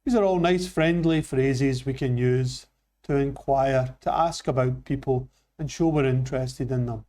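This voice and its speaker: A man from Scotland with a Scottish accent, teaching an English lesson with slow, careful delivery. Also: medium pitch, dark tone. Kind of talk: classroom lesson.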